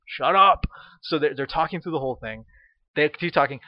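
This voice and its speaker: Man ranting with profane animated energy. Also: fairly high pitch, fast, no echo. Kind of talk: casual comedic storytelling. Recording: dull, dry lo-fi sound.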